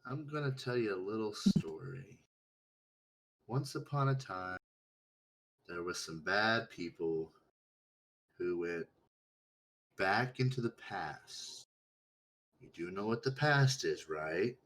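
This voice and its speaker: An exasperated little gnome girl in a tabletop game, played by a man in a lowish voice. She is blunt and condescending, explaining things simply, and the mic clips. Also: lively intonation, slow, long pauses, fairly bright tone, full character voice, poor audio. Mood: patronising storytelling. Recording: peaking, clipping mic.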